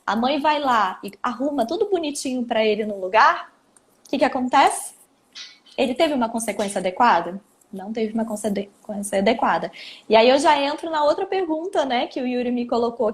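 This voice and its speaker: A woman with a high voice talks parents through how to handle a child's tantrums in a live question-and-answer session. She explains things step by step and now and then acts out short lines a parent or child might say. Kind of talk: live Q&A talk.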